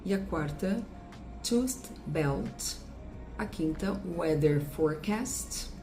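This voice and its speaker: A Brazilian woman teaching English pronunciation, drilling words with deliberate, exaggerated repetitions. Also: sits low, expressive, warm tone, soft background music. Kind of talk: pronunciation lesson.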